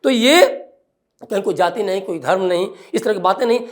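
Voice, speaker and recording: A man's voice: high voice, brisk. A man speaking as a political commentator on a TV news panel, emphatic and firing off rhetorical questions.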